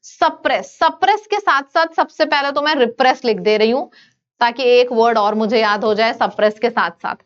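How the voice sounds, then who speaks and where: A woman with an Indian accent teaching an online exam-prep vocabulary lesson, brisk and coaxing, switching between Hindi and English. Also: fairly high pitch, dull audio.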